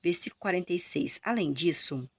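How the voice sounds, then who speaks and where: A woman's voice: on the low side, lively intonation, slightly rough, dry recording. Brazilian woman reading scripture phrase by phrase. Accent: Brazilian Portuguese. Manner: halting phrase-by-phrase reading, repeats titles. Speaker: Bible reader. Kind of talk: Bible reading with asides.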